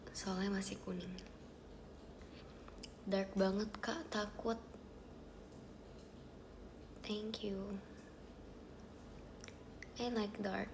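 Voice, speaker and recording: A young woman hosting a casual livestream from home, chatting with viewers, thanking them and often dropping into soft whispers. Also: medium pitch, background noise. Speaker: idol livestream host. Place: at home, outside her bedroom.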